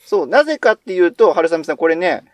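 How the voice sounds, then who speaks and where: A man co-hosts a casual podcast, teasing and quick to laugh. His voice is high and lively, and he talks fast into a dry, close mic. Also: no echo.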